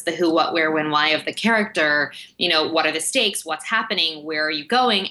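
A woman's voice: on the low side, pushed and bright. A woman, a guest voice actor, talking earnestly and at length in a podcast interview. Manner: earnest, explains at length with many fillers.

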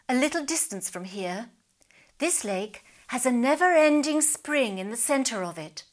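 A woman voicing an old, scheming male pelican who speaks solemnly and grandly. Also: fairly high pitch.

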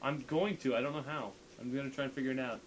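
A man's voice: medium pitch, steady tone, quick pace, a little hiss or hum, poor audio. A young man hosting a casual podcast, rambling, stammering and reading posts aloud. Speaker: podcast host. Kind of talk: casual chat.

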